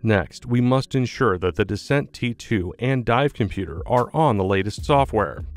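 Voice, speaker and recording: A man reading scripted tutorial narration as a product support narrator, in a measured, clearly enunciated instructional manner. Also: lowish voice, lively intonation. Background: background music.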